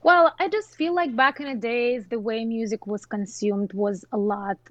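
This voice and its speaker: A woman from Russia in her thirties, chatting casually about music, full of "like" fillers and quick laughs. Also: fairly high pitch, steady tone, dry recording, dull audio. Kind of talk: casual chat.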